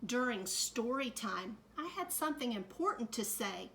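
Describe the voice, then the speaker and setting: A middle-aged woman teacher reading a picture book aloud to children, adding gentle comments as she goes. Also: a little high, big pitch swings, slight background noise. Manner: slow, gentle storytime delivery with added comments to kids.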